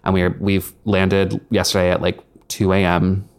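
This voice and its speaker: A man's voice: low-pitched, flat delivery, moderate pace, clear, resonant tone. A young man hosting a podcast, telling a long story in casual chat with lots of "like" and swearing. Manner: rambling, frequent likes and swearing. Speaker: podcast host.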